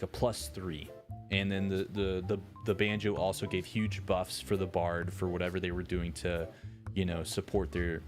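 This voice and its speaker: A man streaming live, chatting casually in a rambling, relaxed way and answering his chat. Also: low-pitched. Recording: music playing behind.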